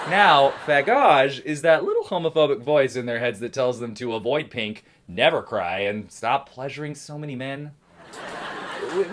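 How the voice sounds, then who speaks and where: A man's voice: medium pitch, noisy background. A man performing a campy comedy monologue as a sketch show host, sassy and playful. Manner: campy, sassy, quick shifts between characters.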